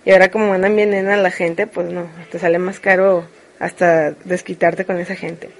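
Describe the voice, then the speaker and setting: A woman's voice: on the low side, little pitch movement, moderate pace. A woman with a Mexican accent chatting casually and frankly to live viewers, joking as she rambles through her confessions. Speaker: streamer.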